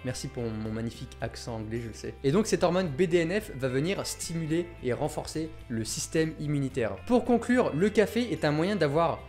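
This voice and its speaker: An enthusiastic man hosts his own health video and speaks straight to his viewers. His voice sits fairly high, and faint guitar music runs underneath. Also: animated, brisk, few pauses, darkish tone. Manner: enthusiastic, addresses viewers directly. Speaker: health YouTuber. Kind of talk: energetic video monologue.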